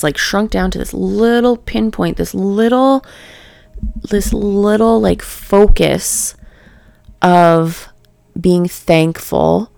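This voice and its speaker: A woman giving a reflective spiritual talk in a calm, near monotone voice, halting and searching for words with many fillers. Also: on the low side, vocal fry, no echo. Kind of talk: reflective spoken meditation talk.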